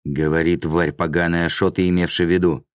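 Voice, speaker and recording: A man's voice: sits low, flat delivery, brisk, no room sound, clean studio sound, lightly acted. A man voicing a menacing male demon who mocks and threatens in coarse, folksy speech. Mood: threatening.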